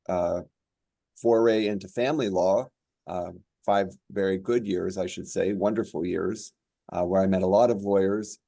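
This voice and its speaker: A man who is a judge, speaking on a panel in a measured, halting way with many fillers. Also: sits low, vocal fry, mellow, no room sound. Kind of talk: panel discussion remarks.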